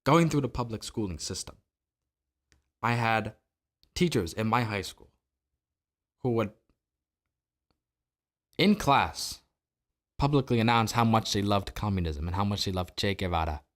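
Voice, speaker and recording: A low-pitched man from New Jersey carries a one-man political commentary podcast. He talks in a sarcastic, opinionated way and throws out rhetorical questions at his listeners. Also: expressive, unhurried, long pauses. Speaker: podcast host. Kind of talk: solo political commentary monologue.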